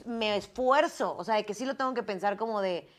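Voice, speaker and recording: A woman's voice: medium pitch, brisk. A woman with a Mexican Spanish accent in a casual comedy chat, telling stories animatedly and laughing often.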